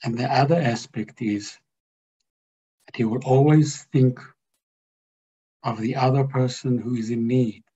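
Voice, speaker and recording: A man giving a slow, measured spiritual teaching to a group, stressing key words. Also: medium pitch, steady tone, mellow, breathy edge, highs cut off. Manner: slow, measured, emphatic delivery.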